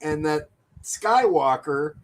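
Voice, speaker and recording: A man with a slightly raised pitch trades jokes and curses in a loose, bantering chat. He talks casually and teases his friend. There is an easy podcast-style feel to the way he speaks. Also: expressive, takes it slowly, crowd noise, poor audio. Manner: profane, joking and teasing.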